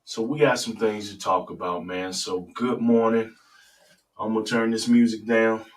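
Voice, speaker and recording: A man hosting a casual live sports talk stream in a low early-morning radio voice, talking straight to his viewers. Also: normal speed, recorded from a distance, rough recording. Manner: relaxed, talks straight to viewers, asks for comments. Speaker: sports talk show host.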